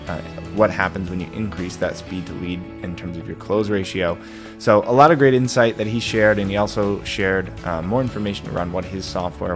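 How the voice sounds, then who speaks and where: A man hosting a podcast, introducing a guest with many filler pauses. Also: low voice. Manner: many filler "uh"s, halting delivery. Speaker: podcast host.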